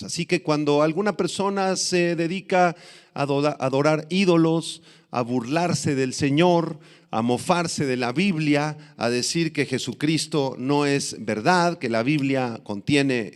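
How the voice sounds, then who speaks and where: A middle-aged male pastor preaches in a teaching sermon, voice set in an ordinary middle register. He leans hard on key words, says phrases twice for weight, and slows down to spell out old terms letter by letter. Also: mid-range voice. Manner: emphatic, repeats key phrases, spells out Aramaic words slowly. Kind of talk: expository sermon.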